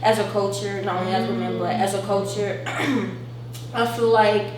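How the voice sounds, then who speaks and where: A woman's voice: mid-range voice, fairly even intonation, normal speed. A twenty-one-year-old woman from North Carolina, talking casually with frequent fillers in a group discussion. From North Carolina, USA. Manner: casual, filler-heavy, uses "like" often. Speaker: discussion participant. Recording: echoey room, far from mic, noisy.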